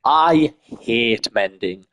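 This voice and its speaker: A man's voice: medium pitch, expressive, very slow, a bit bright. A young man chatting casually over his gameplay, rambling and losing his thread mid-sentence. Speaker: gaming YouTuber.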